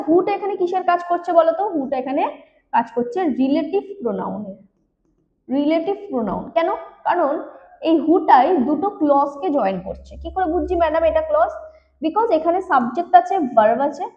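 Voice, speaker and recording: A woman English teacher with a Bengali accent giving an exam-prep grammar lesson. She mixes Bengali and English, repeats key points slowly and asks and answers her own questions. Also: high voice, highs cut off. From West Bengal, India.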